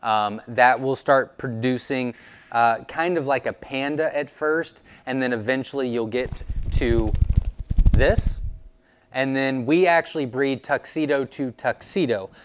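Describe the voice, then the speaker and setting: A young man at a middle pitch gives a relaxed, explanatory talk about breeding birds, filling pauses with "um" and "uh". His lapel mic picks him up clearly indoors, with a faint hiss in the background. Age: young adult. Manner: relaxed, explanatory, many fillers. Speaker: quail breeder. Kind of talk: informal teaching video. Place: indoors, seated before a wooden wall. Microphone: clip-on lapel mic.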